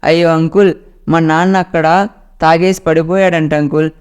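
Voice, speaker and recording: A man's voice: fairly high pitch, fairly even intonation, moderate pace, smooth, lightly acted. A man voicing a young ghost girl who pleads and keeps calling him uncle, in a told ghost story. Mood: pleading.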